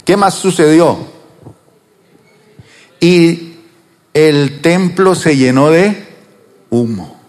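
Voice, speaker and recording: Animated pastor preaching in a reverberant church. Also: male voice, a little high. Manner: asks the congregation questions and answers them; swings between slow drawn-out words and fast asides. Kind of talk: sermon.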